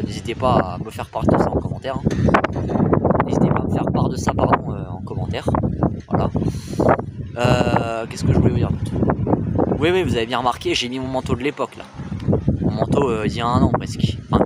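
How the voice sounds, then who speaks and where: A young man chats to his camera about his day, rambling and often tripping over his words before correcting himself. His voice sits at an ordinary middle pitch. Loud background noise runs all through the outdoor recording. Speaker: train-spotting vlogger. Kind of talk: casual face-cam vlog.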